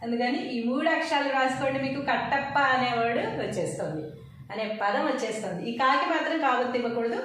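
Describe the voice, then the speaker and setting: A woman teacher patiently spelling out letters one by one in a slow lesson. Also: on the high side, a bit bright, slight background noise. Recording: echoey room, mic far off.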